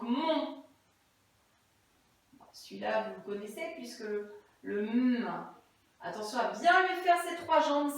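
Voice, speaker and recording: A woman's voice: sits high, fairly bright tone. A woman teaching young children remotely, playful and sing-song, telling little stories to explain spelling. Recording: very echoey room, far from mic.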